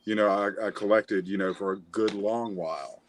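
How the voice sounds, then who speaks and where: A man's voice: fairly low pitch, fairly even intonation, normal speed, a little hiss or hum. A man co-hosting a casual movie review podcast, rambling with lots of fillers and restarts. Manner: rambling, self-correcting, many fillers. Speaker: podcast co-host.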